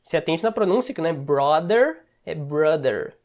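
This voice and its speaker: A man's voice: high voice, rapid-fire, darkish tone. A Brazilian man teaching English in a casual lesson, explaining step by step and often checking in with short asides. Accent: Brazilian Portuguese. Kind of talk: casual screen-share lesson.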